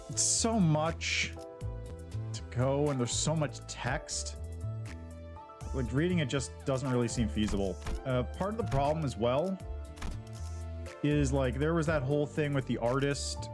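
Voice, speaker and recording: Rambling male streamer on a headset mic. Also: medium pitch. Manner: rambling, loose, lots of "like" and restarts. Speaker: game streamer. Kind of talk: casual livestream chat over gameplay. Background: game music.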